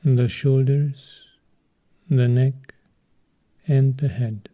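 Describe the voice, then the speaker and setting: With a medium-pitched voice, a man acting as meditation teacher talks the listener through a guided session. His delivery is calm, with brief measured phrases and long pauses.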